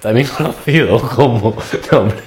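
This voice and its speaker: A young man with a Spain Spanish accent co-hosting a podcast in playful, casual banter, quick to laugh. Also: mid-range voice. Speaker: podcast co-host.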